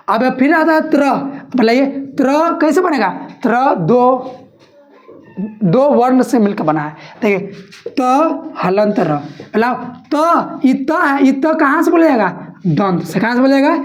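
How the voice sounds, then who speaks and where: A woman teacher giving an exam-prep lesson, asking questions and answering them herself while repeating each point. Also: a little high.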